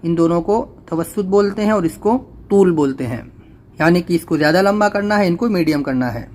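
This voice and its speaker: A man teaching Quran reading, spelling out each letter and vowel slowly and drawn out, then explaining the rules in quick everyday speech. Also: sits high, animated, a little mellow. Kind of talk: spelled-out recitation lesson.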